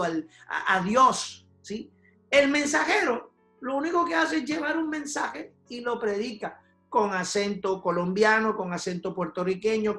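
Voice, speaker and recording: A preacher speaks slowly and deliberately, pressing each point with rhetorical questions and a repeated "¿sí?". The voice carries through a roomy church hall, with soft instrumental music underneath. The pitch sits in a middle register. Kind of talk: sermon. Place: church sanctuary.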